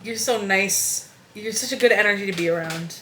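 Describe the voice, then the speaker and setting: A woman's voice: mid-range voice, normal speed, fairly bright tone. A young woman co-hosting a podcast, chatting casually, giggly and playful. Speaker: podcast co-host. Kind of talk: casual chat. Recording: echoey room, faint noise.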